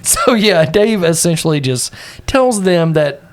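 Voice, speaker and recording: A man talks through a tabletop game as a player. He is unhurried and casual, his slightly high voice swinging up and down. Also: expressive, heavy background noise. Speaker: podcast player.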